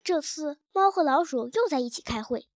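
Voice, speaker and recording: A woman narrating a children's story in the first person, as a cat, with a lively, expressive reading. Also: high voice, moderate pace, dry recording.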